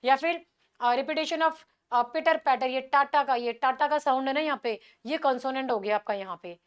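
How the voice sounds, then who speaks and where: A woman with an Indian accent and a high voice gives an exam-prep lecture on literary devices. She explains in a Hindi and English mix and slows down to read each English example aloud. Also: clean tone.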